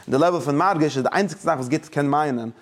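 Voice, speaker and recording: A man's voice: a little high, fast talker. A man teaching a religious study lesson, explaining emphatically and often breaking off and restarting, mixing German with English words.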